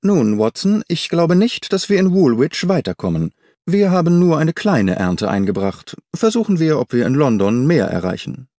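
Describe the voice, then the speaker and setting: A man voicing Sherlock Holmes, a sharp detective putting measured, probing questions in an audiobook. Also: fairly high pitch, very animated, dry recording, clean studio sound, pitched above the performer's own voice.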